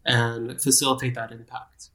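A man's voice: mid-range voice, level tone, normal speed, sharp tone, a little hiss or hum. Guy in his 30s chatting as a podcast guest, rambly, keeps restarting, laughs at himself. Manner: rambling, self-deprecating, frequent restarts. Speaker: guest, nonprofit program manager. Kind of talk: casual interview chat.

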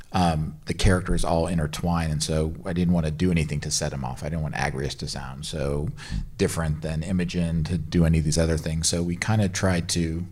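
A man's voice: deep voice, a little mellow. A man speaking on a panel as dialogue mixer, explaining his approach earnestly. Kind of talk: panel answer.

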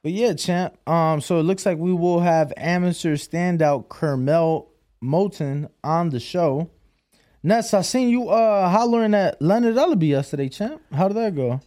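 A man's voice: a little high, expressive, moderate pace, mellow. A man co-hosting a podcast in casual, informal chat with plenty of slang. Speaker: podcast co-host.

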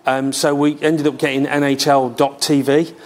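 Even-toned English man in an interview. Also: mid-range voice, normal speed. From England. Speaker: sports fan being interviewed. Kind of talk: casual interview.

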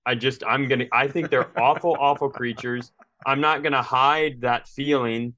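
An American comedy podcast co-host from Minnesota tells stories casually, ranting in comic exasperation and acting out quotes. His medium-pitched voice is steady, pushed and bright, at normal speed, with no room sound.

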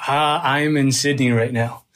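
A man from Canada joins a podcast as a guest, calling in remotely. He answers in a laid-back, halting way at a middle pitch. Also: steady tone, a bit bright, slight background noise. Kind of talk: casual interview. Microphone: remote call.

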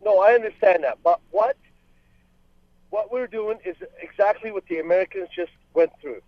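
A man's voice: high-pitched, normal speed, no room sound. A man from Lebanon calling in to a radio talk show, earnest and talking over the host. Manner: earnest, talks over the host, many restarts. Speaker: caller. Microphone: phone line. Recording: dull phone line.

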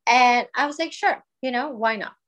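Speaking at a normal pace with a slightly high, fairly bright voice, this thirtysomething woman from Colombia tells her personal story in a relaxed, open, conversational way. She's a guest on a podcast and runs a wellness business.

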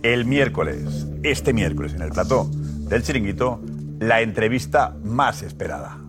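A man with a Spanish accent hosting a live sports talk show, chatty and animated, with informal asides to the audience. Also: on the low side, a little slow. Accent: Spanish from Spain. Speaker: host. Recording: music bed underneath.

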